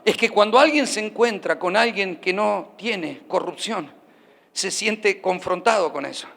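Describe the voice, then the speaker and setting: Man, preacher, sermon, animated storytelling, very high voice, church hall reverb. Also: unhurried, gravelly. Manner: animated, acts out the characters of his stories with voseo asides.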